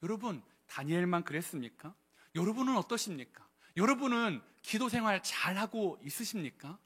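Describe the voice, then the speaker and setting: A male pastor preaching with a high voice that swoops up and down. He keeps turning to the congregation with questions. His delivery stays lively and animated throughout. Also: normal speed, slightly rough. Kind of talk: sermon.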